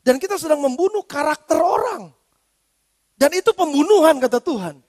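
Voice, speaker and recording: High-pitched pastor preaching in a hall. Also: male voice. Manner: lively preaching, acts out quoted speech in slangy Jakarta style. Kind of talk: sermon. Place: church. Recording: reverberant church hall.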